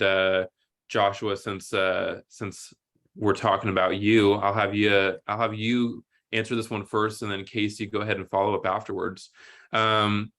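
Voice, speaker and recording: Low-voiced man hosting, halting with fillers. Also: vocal fry, a bit bright. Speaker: volunteer coordinator, interviewer. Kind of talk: casual conversational interview.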